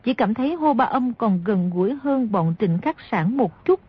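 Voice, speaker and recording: A woman reading a martial-arts novel aloud as an audiobook narrator, in a steady, measured way. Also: on the high side, slightly rough. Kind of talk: scripted storybook narration. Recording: dry, dull lo-fi audio.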